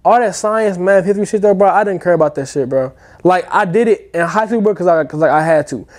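A young man with a slightly high-pitched voice talks like a frat bro, casual and full of slang. He swears freely and drops "bro" into nearly every thought, as in a loose podcast chat. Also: fast talker, a little mellow.

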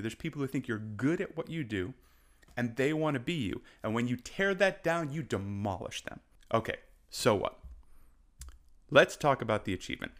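Passionate fitness coach, emphatic man. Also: mid-range voice. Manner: passionate, emphatic, repeats for stress; moves about while talking. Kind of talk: motivational talk to camera.

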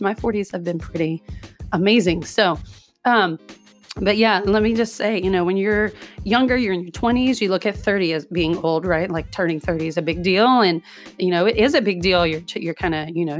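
Hoarse woman in her forties podcasting. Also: mid-range voice. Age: 40s. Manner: chatty, addresses listeners directly. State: hoarse, scratchy voice from recent illness. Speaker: podcast host. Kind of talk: casual solo podcast monologue.

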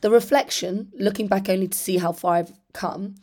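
A British woman in her thirties with a hoarse, rusty voice, chatting candidly and casually as a solo podcast host. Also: mid-range voice, normal speed, a little mellow. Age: 30s. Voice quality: hoarse, rusty, partly lost voice. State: hoarse after losing voice.

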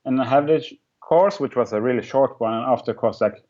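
A man's voice: medium pitch, brisk, darkish tone, lo-fi sound. A man giving casual, reflective, plain-spoken interview answers as a podcast guest. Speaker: podcast guest, design director.

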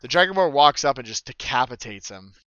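Bright, crisp-voiced man telling a game story. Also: mid-range voice, expressive, fairly quick, dry recording, highs cut off. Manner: rambling, swears freely, fillers. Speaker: dungeon master. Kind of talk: casual storytelling chat.

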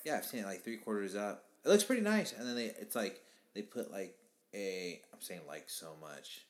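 A man's voice: low-pitched, fairly even intonation, moderate pace. A young man chatting casually with his wife for their vlog, laid-back and hesitant, with lots of fillers. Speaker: husband in a couple's vlog. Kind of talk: casual chat.

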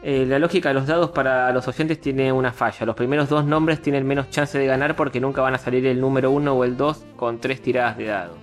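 A man's voice: mid-range voice, fairly even intonation, brisk, hardly any pauses. A man with an Argentine accent chats loosely on a podcast, reading out listener messages and joking as he goes. Faint music sits behind the voice. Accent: Argentine Spanish. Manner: jokey storyteller, acts out quoted people. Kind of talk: casual chat.

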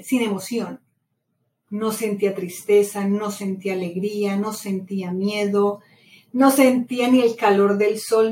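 A middle-aged woman, a podcast host from Latin America, talks casually and with lots of feeling, repeats herself often and keeps telling stories. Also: mid-range voice. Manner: animated storytelling, many repetitions. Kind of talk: casual motivational monologue. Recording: roomy echo, mic set far off, faint ambient noise.

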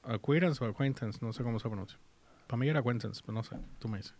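A man's voice: lowish voice, steady tone, racing, a little mellow. A man hosting a casual chat, mixing in English words and reading English text aloud. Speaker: host.

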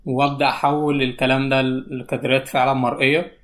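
A man's voice: medium pitch, level tone, quick pace, a bit bright. An Egyptian man speaking in natural, unscripted casual talk as an interview guest, explaining things step by step. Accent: Egyptian Arabic. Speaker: interview guest, YouTube animator.

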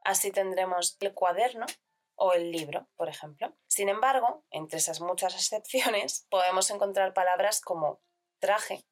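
Woman calmly teaching grammar. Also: mid-range voice. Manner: clear, measured explanation with listed examples. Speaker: Spanish teacher. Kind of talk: scripted grammar lesson.

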